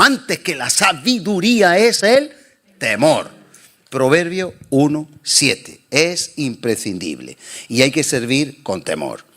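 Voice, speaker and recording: A man preaching a sermon as pastor, swinging between loud and soft passages. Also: fairly high pitch.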